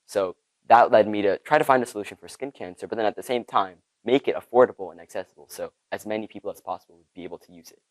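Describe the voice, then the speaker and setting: A man's voice: fairly low pitch, fast talker, no room sound, low-quality recording. A teenage boy from Ethiopia answering interview questions, eager and thoughtful. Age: teens. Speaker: student inventor.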